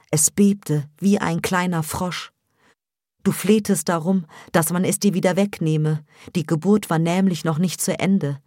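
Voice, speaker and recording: A woman with a low voice reads a novel aloud for radio, measured and intense. She is recorded close on a studio mic with a dry sound. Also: darkish tone, no echo. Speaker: reader. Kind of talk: literary narration for radio. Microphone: studio microphone.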